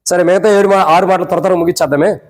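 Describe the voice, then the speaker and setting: A high-pitched man with a Telugu accent, preaching to his congregation. He keeps asking rhetorical questions and swings from ringing exclamations down to hushed, low remarks. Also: fairly even intonation, racing, rough recording. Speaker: pastor. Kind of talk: sermon. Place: prayer hall.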